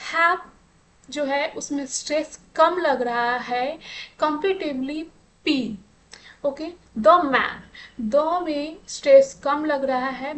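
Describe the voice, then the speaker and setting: A woman's voice: high voice, a bit bright. A woman teaching an exam-prep lesson, explaining patiently and asking herself rhetorical questions.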